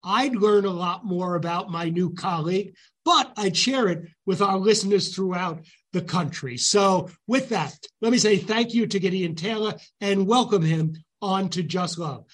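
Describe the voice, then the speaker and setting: High-pitched male New radio host. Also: moderate pace, hardly any pauses, a bit bright. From the Bronx, New York. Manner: enthusiastic, chatty, circling phrases. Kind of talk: conversational interview hosting.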